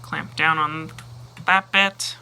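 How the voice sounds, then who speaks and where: In a casual toy review, a man talks through each step of transforming a toy, taking his time, stopping and muttering while he works. His voice sits slightly high for a man, and the poor audio carries a constant hiss.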